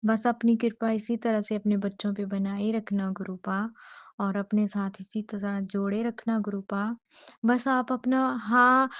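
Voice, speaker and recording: A woman's voice: mid-range voice, dry recording, highs cut off. A woman earnestly sharing a devotional testimony, repeating her thanks to her guru, recorded as a phone voice note.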